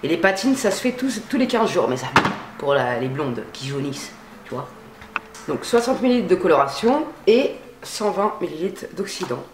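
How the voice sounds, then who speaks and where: A woman's voice: on the low side, very animated, moderate pace, reverberant, noisy background. A woman chatting casually while demonstrating how she dyes her hair, slangy and full of fillers. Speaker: beauty vlogger. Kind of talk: casual hair-dye tutorial chat. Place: home at night.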